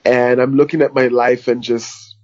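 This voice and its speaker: A man from Liberia, a guest author, telling his story in a relaxed, reflective way over the phone. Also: medium pitch, normal speed. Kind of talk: phone interview. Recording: dull phone line.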